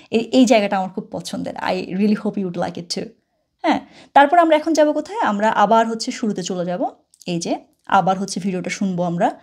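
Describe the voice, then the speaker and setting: A woman's voice: mid-range voice, a little mellow. A woman teaching a language lesson over a screen share, chatty, slipping into English phrases and repeating words after the audio.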